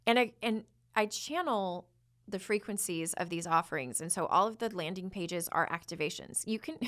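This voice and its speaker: A woman hosts a spiritual podcast in a mid-pitched voice, talking in loose, rambling sentences full of restarts. She often drops into hushed, breathy passages and flowing chants of invented syllables before chatting on again. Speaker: podcast host, spiritual channeler. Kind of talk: casual spiritual guidance with channeled chanting.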